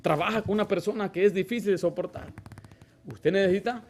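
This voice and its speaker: A man's voice: high-pitched, a little fast, a little mellow, a little hiss or hum. A male pastor preaching a Baptist sermon, asking the congregation rhetorical questions and acting out little dialogues. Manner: acts out short dialogues in a raised voice.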